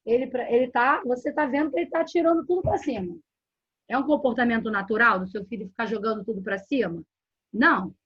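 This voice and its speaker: A fairly high, husky-voiced woman with a Brazilian Portuguese accent leads a workshop. She explains patiently and keeps checking that listeners follow. The recording is dull and lo-fi, with little room sound. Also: brisk, no room sound. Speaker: workshop instructor. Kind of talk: live workshop lesson.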